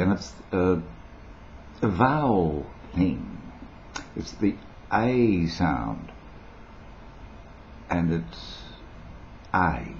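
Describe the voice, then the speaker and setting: Older aussie guy, low voice, slow and rambly, goofy vlog, kinda muffled lo-fi sound. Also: darkish tone, slight background noise. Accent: mild Australian. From Australia. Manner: playful, eccentric, rambling with frequent chuckles. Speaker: former radio broadcaster. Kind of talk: casual vlog monologue. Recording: dull lo-fi home recording.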